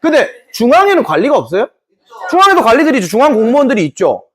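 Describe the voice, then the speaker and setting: Male teacher, playful lecture, high voice, lively swings, classroom. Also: racing, breathy edge. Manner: playful, jokey, acts out scenes. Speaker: history teacher.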